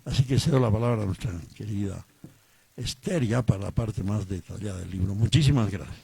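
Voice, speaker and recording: A man's voice: on the low side, a little fast, vocal fry, dark tone, a little hiss or hum. A man historian speaking at a book launch, conversational and full of tag questions. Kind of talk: formal speech at a book launch.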